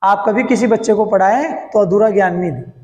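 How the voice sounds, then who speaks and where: High-pitched male teacher, reverberant room; chants verse slowly, quizzes the class, answers himself. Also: a little mellow, muffled recording. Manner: recites verse lines slowly, then explains in quick bursts; quizzes students with questions, then answers himself. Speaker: Hindi teacher. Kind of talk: classroom lesson on poetic meter. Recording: echoey hall.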